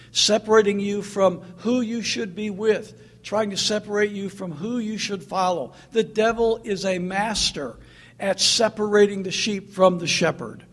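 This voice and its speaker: A man's voice: high voice, a bit bright. A man preaching a sermon in an earnest, emphatic way, repeating his points.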